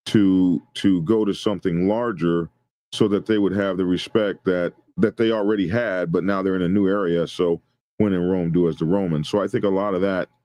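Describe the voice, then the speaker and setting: A man co-hosting a podcast, explaining things in a measured, casual way with frequent pauses. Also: low voice, warm tone. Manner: measured, explanatory, hesitant fillers. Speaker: podcast co-host.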